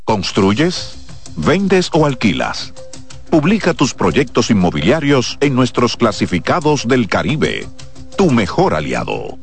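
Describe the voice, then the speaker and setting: A man's voice: mid-range voice, huge pitch swings, slow, gravelly. A man announcing radio commercials with a punchy, promotional delivery. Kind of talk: radio ad read. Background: loud music bed.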